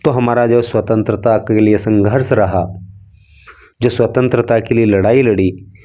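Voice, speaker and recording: A man's voice: lowish voice, steady tone, unhurried, dark tone. A man teaching English from a newspaper, reading phrases in English with an Indian accent, then explaining them in Hindi and asking rhetorical questions. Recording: dull lo-fi sound.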